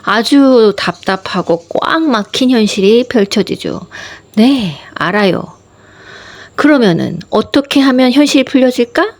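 A woman's voice: fairly high pitch, expressive, unhurried. A woman, a wife and mother, narrating a reflective personal story in an earnest voice that sometimes drops to a whisper. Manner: soft, earnest, slips into whispers at times. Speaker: vlogger sharing a personal meditation story.

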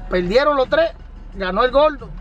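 A man's voice: very high-pitched, moderate pace, muffled recording, music in the background. A man, chatting casually to his viewers on a family vlog, holding the camera at arm's length. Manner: animated, greets viewers in long lists. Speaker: family vlogger. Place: inside a car, then an ice cream shop. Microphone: handheld camera at arm's length. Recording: loud background noise.

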